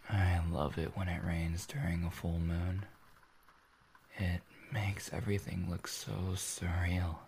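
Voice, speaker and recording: A man acts out a warm, intimate boyfriend in an ASMR role-play, soothing a sleepy partner from very close. His low voice is soft and creaky, and he takes his words extremely slowly. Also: little pitch movement, a little hiss or hum. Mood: tender, inviting.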